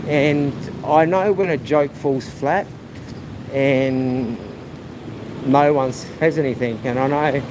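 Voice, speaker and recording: Walking along a busy rural roadside, a man live-streams and chats loosely to viewers, calling them "guys." His loud, projecting voice is medium-pitched, steady, and slow. Loud traffic and motorbikes roar in the background.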